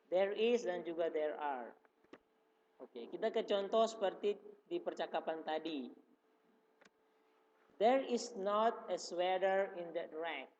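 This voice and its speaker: Male teacher with an Indonesian accent, patient and slow, repeats phrases, dull echoey classroom recording. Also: high-pitched, a little hiss or hum. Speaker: religious school teacher. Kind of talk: classroom explanation. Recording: dull reverberant room recording.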